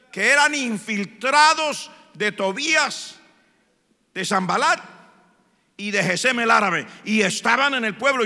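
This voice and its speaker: A man preaching a sermon as pastor of a church, building from calm passages to fervent shouted appeals. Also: high voice, creaky. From Colombia. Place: church sanctuary. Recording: long church hall reverb.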